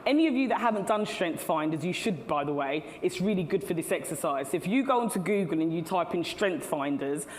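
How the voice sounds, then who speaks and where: A middle-aged woman with a lowish voice gives a chatty keynote to a live audience in a large hall at a tech event, laughing at her own asides. Her intonation is lively and she talks fairly quickly with few pauses. The recording has long hall reverb and faint ambience.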